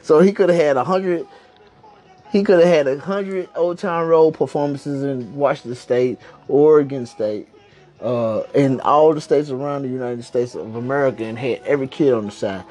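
A man's voice: medium pitch, moderate pace, a little mellow. A man hosting a casual podcast from home, rambling along in slang and swearing freely. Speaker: podcast host. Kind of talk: casual chat.

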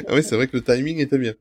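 A man's voice: mid-range voice, breathy edge, no room sound, clean studio sound. A man hosting a casual podcast quiz in a playful way, reading out questions and answer choices. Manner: animated, playful, reads quiz options aloud. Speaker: podcast host and quizmaster.

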